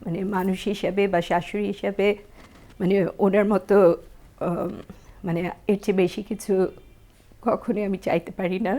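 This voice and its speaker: A woman's voice: mid-range voice, flat delivery, normal speed, long pauses, mellow. A woman speaking as a daughter-in-law in a recorded tribute, hesitant with many fillers.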